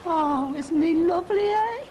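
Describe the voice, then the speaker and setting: A gushing high-voiced woman. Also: animated, measured pace, lo-fi sound. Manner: gushing and sentimental. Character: gushing, sentimental older-ish neighbour woman. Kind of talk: 1980s TV soap acting. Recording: hissy old TV broadcast.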